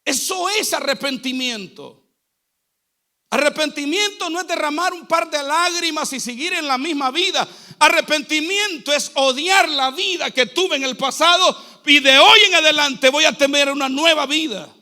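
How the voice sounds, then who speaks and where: A male pastor with a Central American Spanish accent delivers a sermon, his voice sitting unusually high for a man. The tone is piercingly bright and sharp, and he drives his points home through repeated exhorting phrases. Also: normal speed. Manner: exhorting, repetitive preaching cadence.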